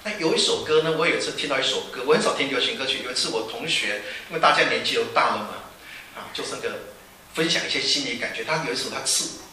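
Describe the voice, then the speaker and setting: Fast, bright-voiced man joking in a hall. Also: mid-range voice, lively intonation, slight background noise. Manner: joking, rhetorical questions. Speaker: speaker addressing new overseas students. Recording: echoey hall from far off.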